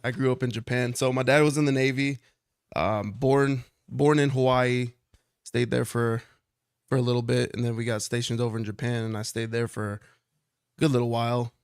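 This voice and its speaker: A man appearing as a guest on a podcast, talking in a relaxed, easygoing way. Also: medium pitch, moderate pace, clear, resonant tone, no echo, studio quality. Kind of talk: casual podcast chat.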